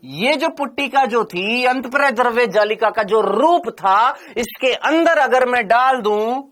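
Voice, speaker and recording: A man's voice: extremely high pitch, animated, a little slow, a bit bright. A male biology teacher giving an exam-prep lecture. He asks and answers his own questions and teases his students in a playful, scolding way. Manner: addresses the student as "my brother".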